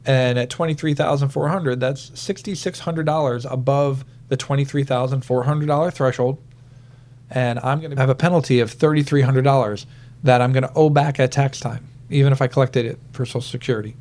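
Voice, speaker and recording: A man in the middle pitch range talks through retirement rules on a planning podcast. He is methodical and patient, working through the figures one step at a time. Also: brisk. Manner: steady, methodical explaining with worked number examples. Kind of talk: explanatory podcast talk.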